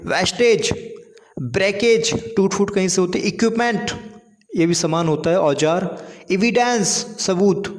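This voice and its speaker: A man teaching an English grammar lesson, saying each word twice and explaining it simply, with frequent checks like "okay". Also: sits high. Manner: repeats each word, explains in simple terms, says "ठीक है" often. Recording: echoey room with long reverb.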